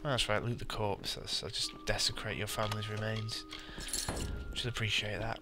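A man's voice: fairly low pitch, steady tone, moderate pace, heavy background noise. A British man giving casual gameplay commentary with dry, muttered asides. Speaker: gamer, let's play host. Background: game music.

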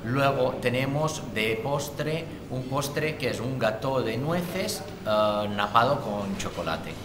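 A man's voice: mid-range voice, slow. Restaurant guy in his 40s talking menus, lots of ums, restaurant hum behind him, bit of echo. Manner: hesitant, many fillers, lists dishes. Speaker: restaurant owner. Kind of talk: interview answers. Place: indoor restaurant dining room. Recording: echoey room with steady background noise.

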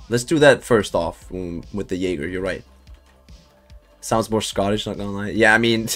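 A man's voice: fairly low pitch, a bit bright. A man casually chatting with viewers while streaming a game, loose and talkative, swearing and laughing now and then.

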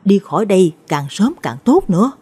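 A woman voicing a gruff, alarmed middle-aged village man describing a ghostly attack. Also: mid-range voice, very animated, fairly quick, a little mellow. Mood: urgent.

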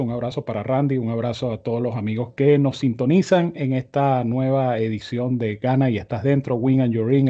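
A man analyzing horse races on a video call, with a measured explanatory delivery. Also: medium pitch, warm tone, slightly rough, dull audio. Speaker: racing analyst. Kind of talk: horse racing analysis show.

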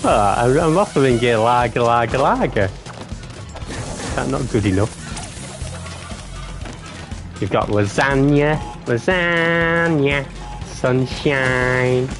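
Music runs underneath as this deep-voiced man speaks slowly, leaving long pauses while he games on a live stream. He jokes around casually with viewers and occasionally launches into silly singing.

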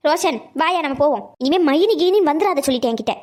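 A woman's voice: high voice, animated, fast talker. A fierce, scolding young mother. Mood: furious. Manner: scolding, sharp and indignant. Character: fierce young mother, protective and sharp-tongued. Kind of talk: cartoon voice acting.

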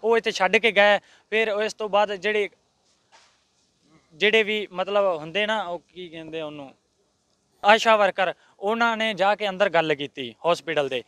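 A Punjabi man pours out an aggrieved complaint to a reporter. His voice sits high and comes through smooth and resonant. The sound is dry and close. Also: normal speed, bright, forceful tone, no echo. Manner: aggrieved, insistent. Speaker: patient's husband. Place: outside a hospital.

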